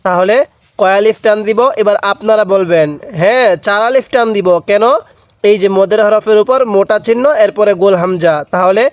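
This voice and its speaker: A man teaching Quran reading, spelling each letter slowly with a Bangladeshi Bengali accent, stretching vowels in long drawn-out readings, and asking questions that he answers himself. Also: high-pitched, fairly even intonation, no room sound. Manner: asks the viewer questions and answers them himself. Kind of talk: step-by-step spelling lesson.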